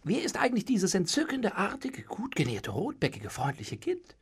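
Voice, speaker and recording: A man voicing a cheeky, nosy young male servant who chatters quickly in a high voice. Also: wildly swooping pitch, vocal fry, fairly bright tone, heavily acted.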